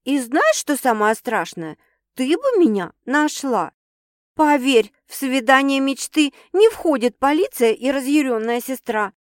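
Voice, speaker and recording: A woman's voice: high voice, sing-song, a little slow, no echo, studio quality, pitched above the performer's own voice. A woman voicing a teasing, outspoken young woman in an audiobook, sarcastic and bossy. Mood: ironic. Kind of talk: audiobook character voice.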